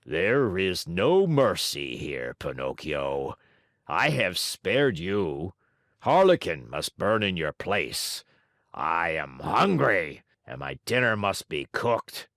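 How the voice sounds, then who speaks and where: A man voicing a gruff, bearded male puppet-show director with a hoarse, brusque way of talking. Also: sits low, very animated, slow, fairly bright tone, dry recording, studio quality, exaggerated voice.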